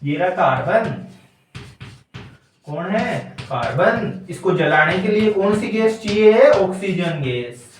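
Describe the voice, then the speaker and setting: A man's voice: high-pitched, expressive, takes it slowly, slight background noise. A male teacher, giving a classroom lecture. He keeps quizzing the class and answering his own questions. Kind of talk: classroom lecture with call-and-response. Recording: very echoey room, mic far off.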